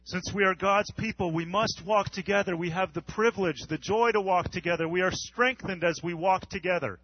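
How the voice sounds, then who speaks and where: A male pastor from the United States preaching an earnest sermon, with measured pauses and repetition. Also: high voice, no room sound, muffled recording.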